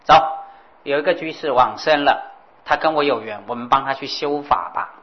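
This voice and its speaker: A woman's voice: a bass voice, normal speed, muffled recording. A woman doing a stern old master. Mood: commanding. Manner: curt scolding commands. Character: stern old male master, gruff and teasing.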